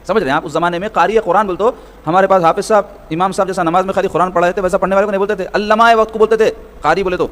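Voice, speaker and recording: A man's voice: high voice, steady tone. A man giving a sermon-style hadith lesson, explaining points step by step and asking rhetorical questions. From Hyderabad, South India. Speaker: religious scholar teaching hadith.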